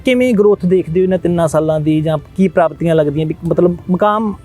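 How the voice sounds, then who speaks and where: A man's voice: on the high side, quick pace, warm tone, faint music behind. A man hosting a TV interview, attentive, murmuring agreement and asking long, winding questions. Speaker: TV talk show host.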